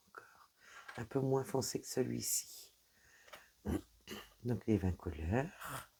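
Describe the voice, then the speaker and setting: A woman's voice: very deep voice, vocal fry, dark tone, slightly rough. A woman chatting casually through a crafting unboxing, talking straight to her viewers and leaning on fillers like "voilà". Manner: chatty, talks straight to viewers while handling items; frequent fillers like "voilà" and "donc". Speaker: crafting vlogger.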